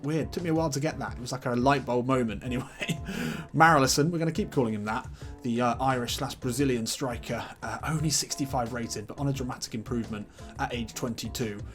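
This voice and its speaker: Over background music, a gaming YouTuber with a mid-range voice talks fast through casual commentary on a football video game. He is chatty and thinks aloud about which team to pick.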